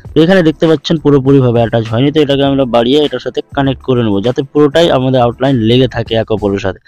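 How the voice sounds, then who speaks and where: Here the tutorial host's voice is mid-range and a little mellow as he explains each step of a screen tutorial. His narration is recorded dull and lo-fi, and music runs underneath.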